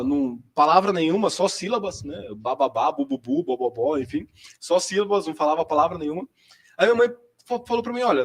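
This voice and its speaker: Fast-talking high-voiced Brazilian young man. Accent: Brazilian Portuguese. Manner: chatty and slangy, lots of fillers. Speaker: seminarian giving a vocation testimony. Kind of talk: casual personal storytelling.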